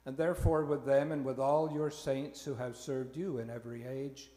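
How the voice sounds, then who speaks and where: A man acting as presiding minister, leading a liturgical prayer in a slow, measured intoning voice, with a long cathedral-like echo in a large church. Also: medium pitch, steady tone, mellow. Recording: echoey church hall with music.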